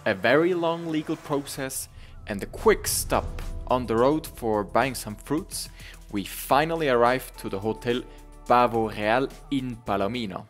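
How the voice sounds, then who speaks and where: A man narrating a travel vlog in a relaxed voice-over. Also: medium pitch, unhurried, faint music behind.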